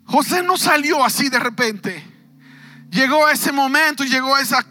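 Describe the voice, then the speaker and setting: Male pastor preaching, super high sharp voice, gets loud and fired up, dry close mic. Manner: impassioned, often shouting. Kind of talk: sermon.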